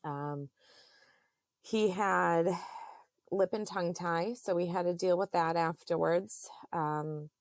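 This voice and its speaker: A woman in her thirties, a podcast guest, telling a personal story in a halting, earnest way with many fillers. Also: on the low side, no room sound, studio quality.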